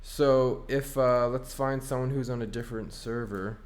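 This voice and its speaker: A man's voice: medium pitch, fairly even intonation, normal speed. A man giving casual gameplay commentary as a streamer, ranting in an exasperated, sarcastic way. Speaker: online game streamer.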